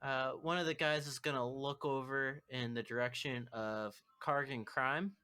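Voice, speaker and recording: A man's voice: medium pitch, steady tone, a little slow, sharp tone, smooth. A man narrating as game master, loose and chatty with his players.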